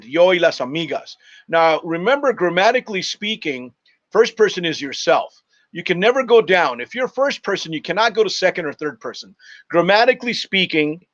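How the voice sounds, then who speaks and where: A Spanish teacher gives a lesson over a screen share, explaining step by step in an instructive way and spelling things out. His voice sits high and a bit bright, and the sound is lo-fi.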